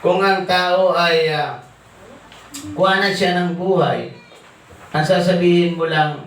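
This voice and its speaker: A man preaching a sermon, slow and halting, mixing English scripture quotes into his talk. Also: sits high, steady tone, a bit bright. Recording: echoey, distant hall sound with faint ambience.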